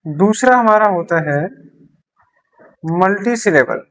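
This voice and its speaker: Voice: mid-range voice, animated, takes it slowly, a bit bright. A teacher gives a beginner English lesson explained in Hindi, repeating key terms and answering their own questions while writing examples on a board.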